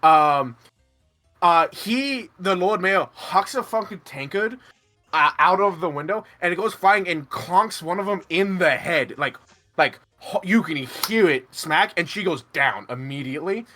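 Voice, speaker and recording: Bright-voiced man narrating as game master. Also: sits high, unhurried, soft background music. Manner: energetic, rambling, with many fillers.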